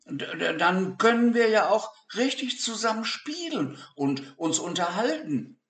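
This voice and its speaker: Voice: medium pitch, expressive, slow, voice pushed up. A reader voicing a shy, wondering young boy who stammers and hesitates, in a storybook read-aloud. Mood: excited. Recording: echoey room.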